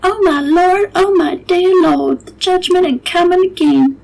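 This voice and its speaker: A frightened old cook who wails her warnings high and slow, as a woman puts her on. The voice sits up high, stretched out and dramatic, heavy with superstition. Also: fairly even intonation, vocal fry, a little mellow, rough recording. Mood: alarmed.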